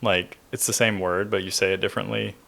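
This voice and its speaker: A young man co-hosting a podcast, talking in a relaxed, rambling way with many fillers. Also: low voice, fast, creaky. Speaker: podcast co-host. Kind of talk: casual chat.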